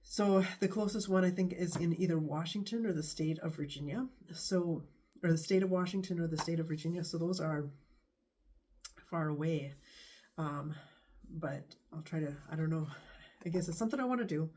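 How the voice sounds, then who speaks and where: An American vlogger with a stuffy nose from a bad cold talks to the camera in a loose, rambling vlog, pausing often and hesitating to find the next thought. The mid-range voice has a mellow, darker register muffled by the cold, with slight background noise.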